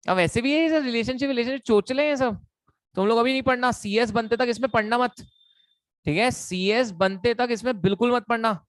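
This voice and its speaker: A man's voice: very high voice, fairly quick, no room sound. A young man giving an online lecture, playful and teasing, repeating himself often. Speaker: teacher.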